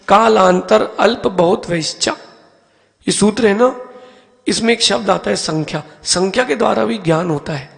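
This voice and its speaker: A male Jain monk with a high-pitched, gravelly, fairly bright voice gives a teaching sermon in a temple hall. He explains ideas step by step using everyday objects and questions his listeners, calling on them by name.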